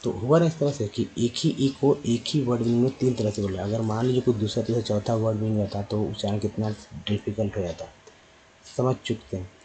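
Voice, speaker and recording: A man giving a spoken pronunciation lesson, spelling out letters and repeating words slowly for his viewers. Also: fairly low pitch, mellow, a little hiss or hum, poor audio. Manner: addresses viewers as friends. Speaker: English pronunciation teacher.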